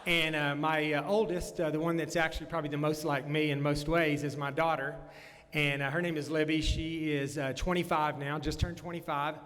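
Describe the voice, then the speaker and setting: A man's voice: fairly high pitch, flat delivery, a little fast, fairly bright tone, a little hiss or hum. A man, giving a folksy campaign speech at a candidate forum, full of "uh" fillers. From Texas Panhandle. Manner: folksy, frequent "uh" fillers and restarts. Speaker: congressional candidate. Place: meeting room at a candidate forum. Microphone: handheld or podium mic. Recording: long hall reverb from a room PA.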